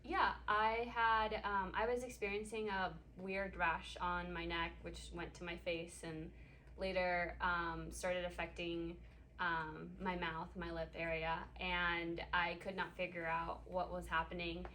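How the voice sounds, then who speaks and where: Young woman with a bright voice, full of ums. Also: fairly low pitch, flat delivery, unhurried, slight background noise. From Ecuador. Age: 20s. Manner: hesitant, many ums. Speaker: patient. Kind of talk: casual interview. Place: clinic room.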